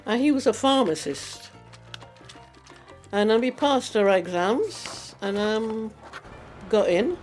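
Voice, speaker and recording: Woman, 80s, from Guyana, interviewee, halting chatty reminiscing, faint music behind. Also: on the high side, big pitch swings, a little mellow.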